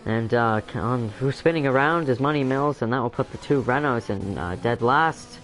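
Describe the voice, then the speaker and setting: A young man calls a sim-racing league race live, wandering through his sentences and filling gaps with frequent "uh"s and restarts. His pitch sits at an ordinary male middle, and faint noise hums under the recording. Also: normal speed, fairly bright tone, low-quality recording. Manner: rambling, filler-heavy, self-correcting. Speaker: race commentator.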